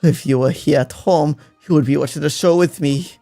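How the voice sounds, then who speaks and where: A man's voice: fairly high pitch, fairly even intonation, fairly quick, creaky, mellow, soft background music. A man voicing a flamboyant, theatrical older woman who talks in an airy, affected way and drops foreign phrases. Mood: breezy theatrical.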